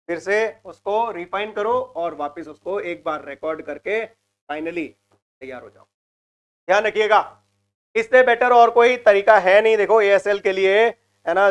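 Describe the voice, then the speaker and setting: A man's voice: high-pitched, clear, resonant tone. A man teaching a live online class, coaching students with repeated points and switching between Hindi and English.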